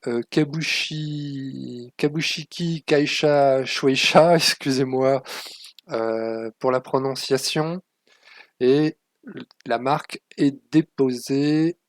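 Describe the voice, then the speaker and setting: A man's voice: mid-range voice, darkish tone, no echo. Hesitant man giving a dry warning. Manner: hesitant, many fillers, warning tone. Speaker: channel host. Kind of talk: screen-share tutorial commentary.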